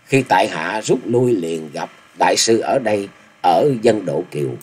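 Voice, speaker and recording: A man's voice: low-pitched, lively intonation, moderate pace, a little mellow, husky. A man doing a proud young swordsman. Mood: earnest. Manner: formal, proud replies. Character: young male swordsman, polite but stubborn.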